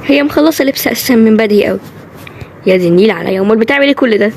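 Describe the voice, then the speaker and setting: A woman with an Egyptian accent voicing a home-made animated drama, in quick, chatty lines that shift from role to role. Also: fairly high pitch, vocal fry, slight background noise.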